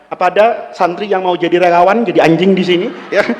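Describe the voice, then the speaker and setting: A male preacher giving a humorous sermon, telling stories in an animated, joking way. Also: high voice, fast talker, big-room sound.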